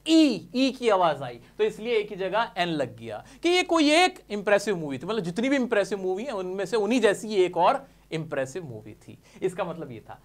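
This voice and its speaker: A man's voice: sits high, big pitch swings, moderate pace. A man teaching English grammar, explaining step by step, often asking his listeners questions and answering them himself while calling them dear friends.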